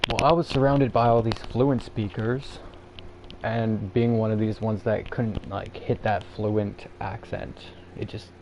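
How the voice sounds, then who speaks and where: A Canadian man streaming live rambles as he responds to viewers, using many fillers and restarts. His lowish, darkish voice moves little in pitch at a measured pace, on a low-quality recording with slight background noise.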